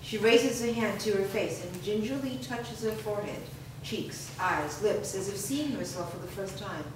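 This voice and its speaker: A woman narrates scripted stage directions during a staged screenplay reading, her voice medium in pitch and her pace moderate. She is picked up from afar in a strongly echoing room, with noise in the background.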